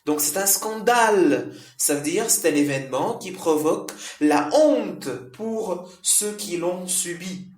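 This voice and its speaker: A man explaining French vocabulary to learners, slow and repetitive, with many fillers and checks of understanding. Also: sits high, expressive, a little mellow, roomy sound. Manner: slow, repetitive explaining with frequent "hein" and "euh". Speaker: French teacher.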